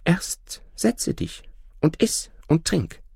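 Sweet young bride done by a guy, voice pushed up soft, slow, dry close sound. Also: on the high side, very animated, creaky, slightly rough, dry recording, pitched above the performer's own voice, heavily acted. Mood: gentle. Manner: raised, soft, gentle. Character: young sorrowful bride, gentle and kind.

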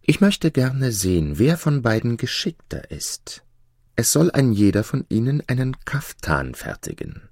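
A man's voice: mid-range voice, big pitch swings, measured pace, darkish tone, no room sound, clean studio sound, pitched above the performer's own voice. A man voicing a clever, proud princess and mother in a fairy tale. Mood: sly. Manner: commanding, indignant. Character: noble princess, proud and sharp-witted mother.

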